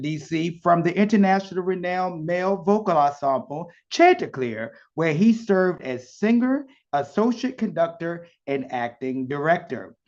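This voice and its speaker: A man's voice: a little high, a little mellow, dull audio. Chatty Southern man hosting a video call. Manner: chatty, effusive, with fillers. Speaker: interview host. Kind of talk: virtual interview.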